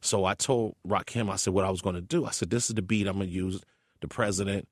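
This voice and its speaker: Guy telling an old story in an interview, gets loud and worked up, dry sound. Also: low voice, fast, no room sound. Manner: animated, emphatic storytelling with quoted voices.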